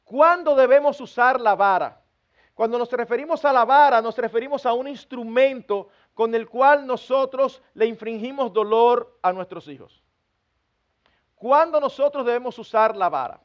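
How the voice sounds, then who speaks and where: High-voiced man preaching a sermon. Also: normal speed, highs cut off. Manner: earnest, acts out parents scolding children with humor. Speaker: pastor. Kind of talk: sermon to a congregation.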